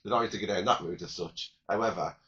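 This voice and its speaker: Low croaky guy rambling on a fan podcast, lots of restarts, kinda muffled audio. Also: quick pace, pushed and bright. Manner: rambling, repeats words and restarts, chatty. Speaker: podcast co-host. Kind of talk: casual fan podcast chat.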